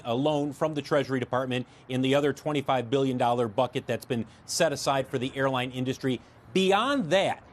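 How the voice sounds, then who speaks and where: An American man working as a television business reporter, putting questions in a news interview. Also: on the high side.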